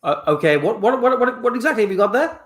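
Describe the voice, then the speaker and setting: A man's voice: sits high, animated, fast talker, a bit bright. A man playing a self-important, awkwardly polite celebrity actor in improvised comedy, stammering slightly. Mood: uneasy, polite. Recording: roomy livestream audio.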